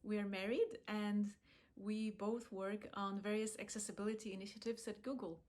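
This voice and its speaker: Her mid-range voice stays calm and measured as she presents in a pre-recorded video, breaking up her speech with many short pauses. She is from Poland and serves as an accessibility program lead.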